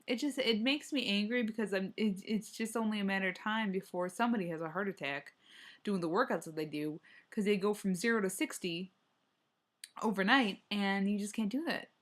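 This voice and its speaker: Speaking a little fast in a medium-pitched voice, this young adult running vlogger chats casually on her solo vlog. Her talk is rambling and hesitant, with frequent restarts of sentences.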